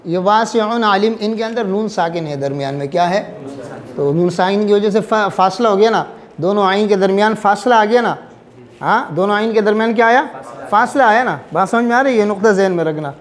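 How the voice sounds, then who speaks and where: A man teaching a recitation class, drilling his students with repeated check questions and reciting examples slowly, letter by letter. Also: high-pitched. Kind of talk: classroom lesson.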